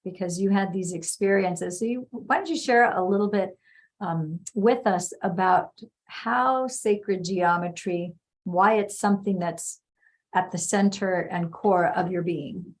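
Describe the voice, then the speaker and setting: A woman's voice: fairly low pitch, unhurried. Upbeat woman hosting a live show. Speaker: host. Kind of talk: live online interview. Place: home in California.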